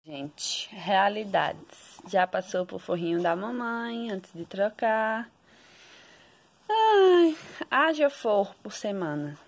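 A young Brazilian mother talks to the camera at home in an easy, chatty way. Her voice sits at a middle pitch, and she speaks softly with a Brazilian Portuguese accent. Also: animated, takes it slowly. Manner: soft, chatty, fond of diminutives. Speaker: mother vlogger. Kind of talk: casual home vlog chat. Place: home, in the kitchen.

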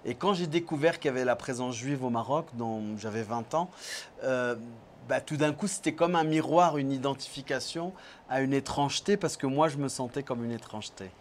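A man in his forties with a French accent answers interview questions in a studio. He speaks reflectively and pauses on fillers to find his words. Faint noise sits under his voice. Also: medium pitch. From Morocco, raised in France. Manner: thoughtful, hesitant with fillers. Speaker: guest filmmaker. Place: small studio set with brick wall. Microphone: lapel mic.

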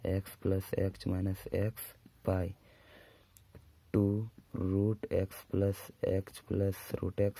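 A man teaching a maths lesson at a whiteboard. He dictates formulas slowly and drawn out, with brisk asides to his students. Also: low voice, completely flat delivery, gravelly, dark tone, no room sound.

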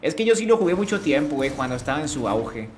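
A man's voice: on the high side, sing-song, quick pace, slight background noise. A man streaming a game live, chatting casually. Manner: chatty, greets chat, slangy.

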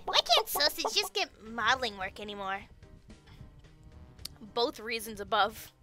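A young woman with a high, bright voice talks her way through a video game. Her commentary is casual and quiet, and she mutters to herself as she works things out. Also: very animated, measured pace, faint music behind. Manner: muttering, unsure, talking to herself while playing. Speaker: game streamer. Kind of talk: casual let's-play commentary.

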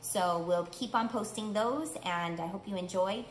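With a medium-pitched voice, a middle-aged woman slowly reads a picture book aloud for young children at storytime. She teaches at a children's art studio, and her phrasing is simple and clear, with questions aimed at the little listeners. The small indoor room gives a roomy echo, and background noise comes through clearly.

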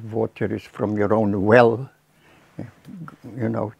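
Slow, gravelly old Lithuanian-accented man. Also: mid-range voice, a little mellow, dry recording. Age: 90s. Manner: halting, with many restarts and pauses. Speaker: filmmaker recounting his life. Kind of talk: reflective storytelling. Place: cluttered workshop indoors, small room.

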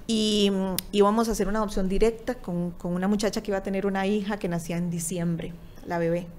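A Costa Rican woman in her thirties tells a personal story as an interview guest. She acts out the dialogue as she goes, and her voice sits at a middle pitch. A faint room hum stays in the background. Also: steady tone, quick pace, a little mellow. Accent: Costa Rican Spanish. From Costa Rica.

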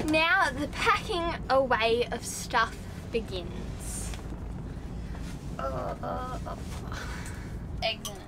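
Very animated and on the high side, this teen girl draws out her words and leaves long pauses as she narrates a casual vlog from a sailboat cabin and a car. Chatty and full of filler, she says "like" constantly into a handheld camera held at arm's length, and the audio is noisy.

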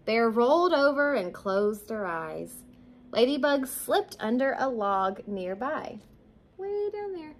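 A woman teacher reads a picture book aloud slowly. Her voice is fairly high and full of lively melody. Each line is given plenty of room. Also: a little hiss or hum. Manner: slow expressive reading. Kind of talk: storybook read-aloud.

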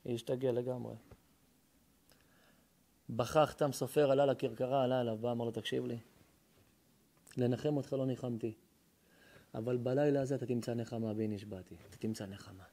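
A rabbi with an Israeli accent giving a dramatic sermon, telling stories and swinging from hushed tones to shouting. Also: male voice, mid-range voice, fairly even intonation, pauses often. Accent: Israeli Hebrew. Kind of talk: sermon with storytelling. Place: synagogue or lecture hall.

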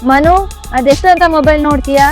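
A woman playing a busy, sharp-tongued mother who scolds her family. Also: high voice, steady tone, fast talker, over music, lightly acted. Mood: irritated. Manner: scolding, snappy.

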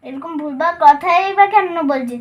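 A woman voicing a curious young grandchild in a cartoon, asking questions in a high childish voice. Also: normal speed, lo-fi sound, natural voice.

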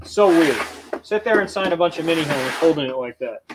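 A man in his thirties, voice on the high side and lively, talks a little fast over a noisy background while hosting an informal auction livestream. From a small indoor storage room full of shelves, he reads out viewer comments and chats as he moves, sometimes leaving the range of his webcam mic at the desk.

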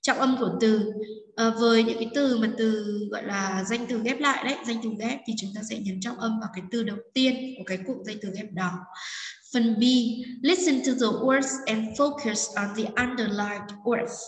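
A woman English teacher explaining a lesson in Vietnamese, reading the English examples slowly and carefully. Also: a little high. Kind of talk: classroom lesson narration. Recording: echoey roomy, distant from mic.

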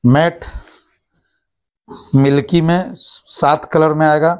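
A man in his thirties, a shop owner, listing plastic goods and their prices and repeating each price briskly, recorded indoors on a lapel mic in a small shop office. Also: on the high side, steady tone, a little mellow, clean tone. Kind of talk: product price rundown.

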